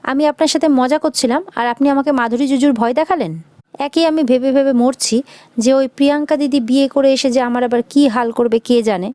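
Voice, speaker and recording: A woman's voice: high-pitched, fairly even intonation, brisk, dark tone, no echo, studio quality, lightly acted. A woman reading the lines of a shy, bantering young wife. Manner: bashful, bantering.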